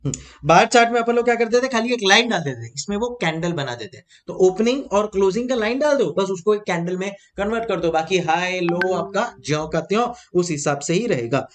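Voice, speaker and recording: A man teaching an exam-prep lecture in a lively way, mixing English terms into his speech, repeating key points and calling his students "beta" in a fatherly tone. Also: high-pitched, a little fast.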